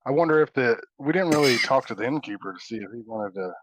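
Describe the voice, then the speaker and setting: A man's voice: medium pitch, animated, quick pace, noisy background. A man playing a tabletop game, chatting casually and laughing often. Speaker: player. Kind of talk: tabletop role-play. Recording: dull dry lo-fi sound.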